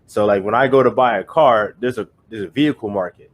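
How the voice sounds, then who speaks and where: A man's voice: on the low side, fast. A young man co-hosting a podcast, giving his opinions in a rambling, casual way with many fillers and restarts. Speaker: podcast co-host.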